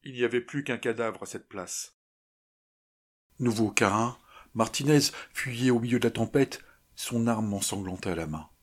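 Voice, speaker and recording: A man's voice: mid-range voice, moderate pace. A man narrating a classic novella as an audiobook, reading dramatically with strong emphasis.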